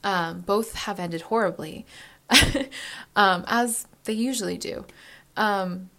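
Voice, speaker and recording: A woman's voice: mid-range voice, slow pace, sharp tone. Rambling young woman thinking aloud. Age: early 20s. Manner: candid and reflective. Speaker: vlogger. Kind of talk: casual confessional chat.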